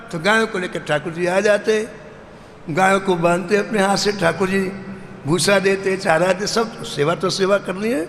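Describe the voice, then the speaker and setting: High-voiced preacher telling a devotional story. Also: male voice. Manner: lively storytelling with rhetorical questions. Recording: echoey hall with faint noise.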